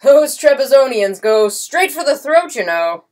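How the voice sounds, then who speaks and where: A woman's voice: high-pitched, big pitch swings, a little slow, a little mellow, voice pushed up. A woman reading a storybook voices a blustering, pompous swindler count who barks commands. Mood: commanding. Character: blustering swindler count, grown man, bold. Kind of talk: audiobook character voice.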